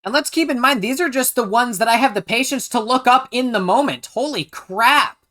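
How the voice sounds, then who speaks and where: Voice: mid-range voice, animated, normal speed, sharp tone. A host giving casual, slangy reaction commentary on a TV episode, exclamatory and self-deprecating.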